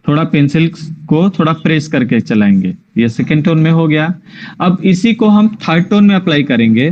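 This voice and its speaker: A man's voice: on the high side, darkish tone. Patient male drawing teacher, lo-fi. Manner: patient, checks often that students follow. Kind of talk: online class instruction. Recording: muffled lo-fi online class audio.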